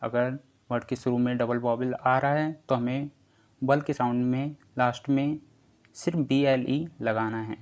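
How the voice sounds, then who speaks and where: A man teaching an English lesson, explaining spelling rules slowly and spelling out example words one at a time. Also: mid-range voice, steady tone, a little mellow.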